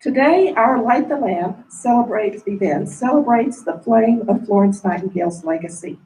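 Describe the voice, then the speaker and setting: A woman giving a formal, measured welcome speech as a dean, her voice coming through a face mask. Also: fairly high pitch, animated, dark tone, a little hiss or hum. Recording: roomy echo, distant mic.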